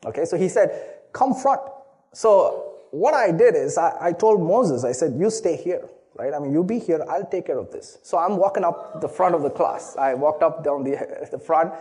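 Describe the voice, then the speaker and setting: In an animated, warm, slightly high voice at a moderate pace, the Chennai pastor tells a personal story during his sermon. A native Tamil speaker with an Indian accent, he's earnest and tends to restart phrases, repeating their first words.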